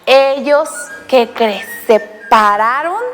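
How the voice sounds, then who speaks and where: A woman with a high voice gives a Bible lesson for children at an unhurried pace. She keeps asking the young listener questions and tells the story with lively expression. Soft music plays underneath. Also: big-room sound. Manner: addresses the child directly with frequent questions; animated storytelling.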